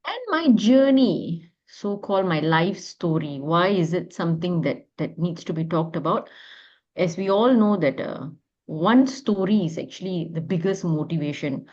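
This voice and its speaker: A Malaysian woman with a fairly low voice speaks in a measured, reflective way as a podcast guest. Her voice comes through a dull, lo-fi remote call. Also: lively intonation, a little mellow. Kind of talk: telling her life story in an interview.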